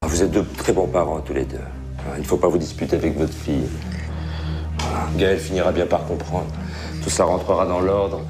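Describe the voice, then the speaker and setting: An actor playing a manipulative middle-aged cult guru who talks in a calm, controlling way. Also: male voice, deep voice, normal speed, over music, natural voice. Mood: soothing. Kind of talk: docudrama acting.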